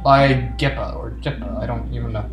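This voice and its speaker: In a brisk, mid-range voice, a man hosting a gaming video offers jokey, casual commentary on play, regularly talking back to the game's characters. The room sounds echoey, and game music runs behind him.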